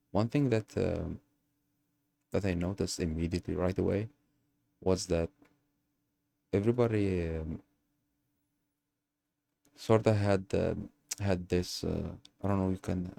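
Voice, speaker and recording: A young man from Algeria telling his own story in a casual monologue, pausing often and hunting for words. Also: low-pitched, gravelly, mellow. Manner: hesitant, searching for words with many fillers. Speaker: channel host.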